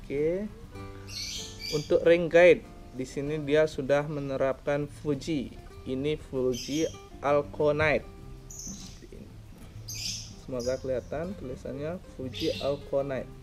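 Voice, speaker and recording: A young man talks slowly and plainly through a fishing rod review, counting off parts as he shows them. He sits outdoors by a road with the camera close in front. Soft music plays faintly underneath. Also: a little high, fairly even intonation. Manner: plain explaining, counts and points things out. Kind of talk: casual product review. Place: outdoors by a roadside with plants.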